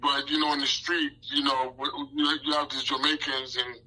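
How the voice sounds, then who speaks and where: Bright-voiced man, rambling interview guest. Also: medium pitch, flat delivery, moderate pace, low-quality recording. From Haiti. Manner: rambling, many fillers and restarts. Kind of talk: casual interview talk.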